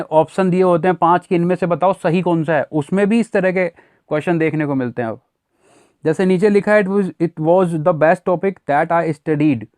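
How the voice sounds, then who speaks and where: A man's voice: high voice, dry recording, studio quality. A male teacher with an Indian accent explaining grammar step by step in a classroom lecture, asking the class rhetorical questions. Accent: Indian English words in Hindi speech. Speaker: English teacher.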